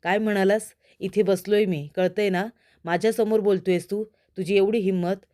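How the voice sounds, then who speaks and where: A woman's voice: medium pitch, steady tone, normal speed, dark tone, lightly acted. A woman voicing a protective young man from a TV serial who speaks with indignant, defiant anger. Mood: angry.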